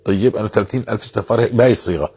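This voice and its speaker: A man speaking, delivering informal religious counsel in a quick, rushing flow. His voice sits fairly low and carries a husky, slightly rough edge. He talks earnestly and insistently, circling back over the same phrases for emphasis. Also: darkish tone. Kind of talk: informal religious advice talk.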